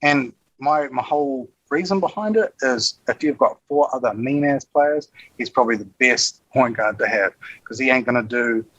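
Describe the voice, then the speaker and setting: Podcast guest, male, broad Kiwi, husky voice, close dry sound, slangy and matey storyteller. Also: medium pitch, normal speed, fairly bright tone, dry recording, dull audio. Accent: broad New Zealand. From New Zealand. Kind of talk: casual chat, storytelling.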